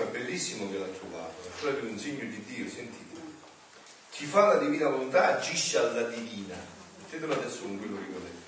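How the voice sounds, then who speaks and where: A man, a friar, teaching a community in an animated way, reading passages aloud and joking with his listeners. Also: on the low side, a little hiss or hum. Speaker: friar preacher. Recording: echoey room recorded from far off.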